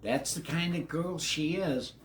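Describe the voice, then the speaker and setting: The older man reading this children's book aloud has a slightly high voice and a measured pace, with a little hiss or hum in the audio. He's a read-along host whose folksy style includes repeated words and chatty asides spoken directly to children.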